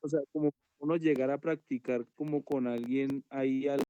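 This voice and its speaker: A man's voice: mid-range voice, fairly even intonation, moderate pace, lo-fi sound, background noise. A man, a student, asking his teacher questions hesitantly and searching for his words on a video call. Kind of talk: casual class question.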